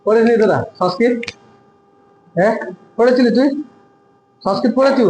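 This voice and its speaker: A man's voice: very high-pitched, normal speed, a little mellow, roomy sound, a little hiss or hum, low-quality recording. A man teaching a classroom grammar lesson, drilling his students with repeated questions and answers.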